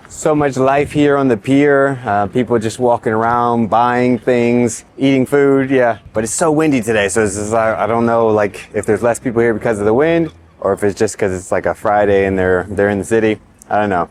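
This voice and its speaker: A man's voice: medium pitch, steady tone, moderate pace. A man from the United States, a travel vlogger, chatting casually with lots of fillers while walking around a windy harbour. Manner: chatty, thinks aloud with fillers. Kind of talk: casual vlog narration. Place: outdoors on a windy harbour pier.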